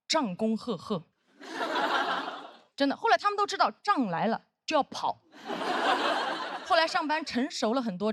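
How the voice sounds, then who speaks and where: A woman's voice: on the high side, fairly bright tone, dry recording, studio quality. A woman in her thirties performing brash, punchy stand-up comedy on a stage before an audience. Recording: noisy live stage recording.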